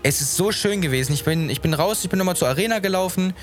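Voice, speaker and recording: A man's voice: high-pitched, expressive, quick pace, faint music behind. A young man co-hosting a casual podcast while hungover, talking in a rambling, slangy way. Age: young adult. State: hungover with a headache. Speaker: podcast co-host.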